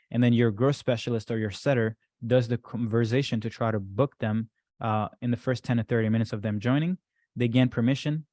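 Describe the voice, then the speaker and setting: A man's voice: medium pitch, darkish tone, no room sound. Chatty man coaching a group, dry sound. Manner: loose and chatty, many fillers and "right?" checks. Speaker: business coach presenting to a group. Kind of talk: casual workshop presentation with screen share.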